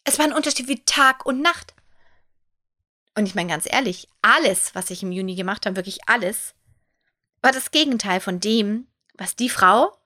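Expressive German woman podcasting solo. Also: a little high. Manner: chatty and expressive, acts out her own thoughts in quoted asides. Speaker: podcast host; photographer and coach. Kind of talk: casual solo podcast monologue.

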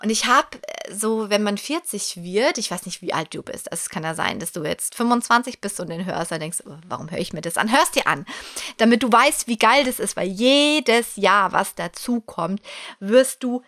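A woman in her forties hosting a podcast, talking straight to the listener in a personal motivational monologue, animated and encouraging. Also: medium pitch, moderate pace. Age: 40s. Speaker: podcast host.

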